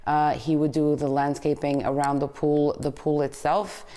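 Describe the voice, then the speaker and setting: A woman's voice: deep voice, level tone, moderate pace, dark tone. A woman giving an unscripted news interview as a homeowner.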